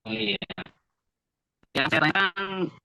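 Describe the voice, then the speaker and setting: A man's voice: sits high, vocal fry, pushed and bright. Man on a choppy, breaking-up connection. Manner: slow, halting speech. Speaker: participant asking a question. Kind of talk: asking a question on an online call.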